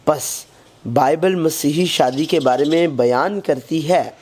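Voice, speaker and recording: A man reading a scripted Bible lesson in a measured, even way, quoting scripture as he goes. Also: on the high side, a little hiss or hum. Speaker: Bible study narrator.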